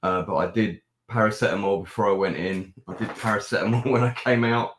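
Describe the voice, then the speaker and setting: Sick with a sore throat, a channel host chats casually on a live stream about a film, his hoarse, croaky voice full of pauses, fillers and restarts. It is lowish, steady and a bit bright, recorded in an echoey room with a little hiss or hum.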